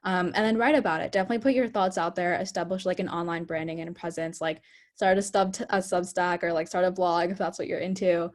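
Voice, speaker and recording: A young woman in her twenties talks on an online panel, slightly low for a woman. She strings her thoughts together with constant "like"s and occasional stumbles, in a relaxed, unscripted way. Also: fast talker. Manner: fills speech with "like", some stumbling. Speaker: product manager panelist.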